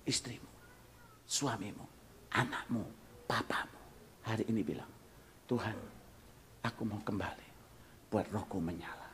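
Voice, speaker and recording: A male pastor preaching a storytelling sermon, animated, swinging from loud exclamations to hushed prayer and slipping into Javanese phrases. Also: fairly low pitch, a little hiss or hum. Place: church retreat hall.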